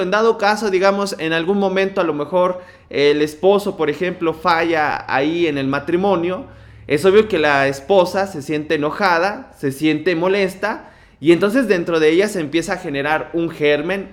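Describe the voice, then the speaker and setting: A man, explaining at length on a talk show in a rambling way with many hedges. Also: high voice.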